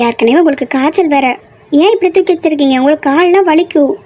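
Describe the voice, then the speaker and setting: A woman's voice: sits high, fast talker, warm tone, natural voice. A young woman voicing a sensitive, stubborn young woman in love in an audio drama, talking in a pouting, emotional way. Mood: tender. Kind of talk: amateur audio drama acting.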